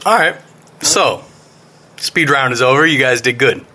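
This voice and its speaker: Bright-voiced man firing quiz questions. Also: mid-range voice, lively intonation. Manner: laughs often, rapid-fire quiz questions. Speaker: podcast co-host asking questions. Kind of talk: casual podcast chat.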